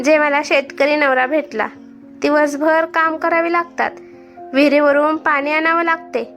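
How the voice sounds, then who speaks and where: A high, scornful young wife who complains and talks back , read out by a woman storyteller. She sounds discontented and quick to argue. Soft music sits faintly under the reading. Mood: complaining.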